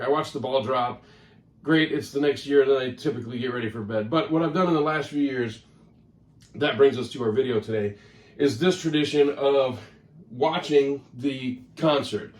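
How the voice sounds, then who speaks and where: A man's voice: mid-range voice, darkish tone. A man vlogging casually about his record collection, chatty and rambling, often correcting himself. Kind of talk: casual talk to camera. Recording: roomy sound, mic at a distance.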